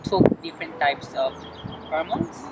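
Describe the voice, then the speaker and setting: A young woman from the Philippines answering interview questions outdoors, halting and full of fillers and restarts. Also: deep voice, big pitch swings, very noisy. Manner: hesitant, lots of fillers and restarts. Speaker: interview guest. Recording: music playing clearly behind.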